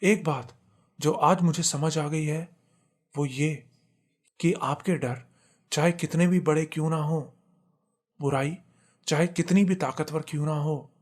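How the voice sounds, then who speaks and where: A man telling a first-person horror story as scripted narration, in a measured, solemn manner. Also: on the high side, fairly even intonation, darkish tone.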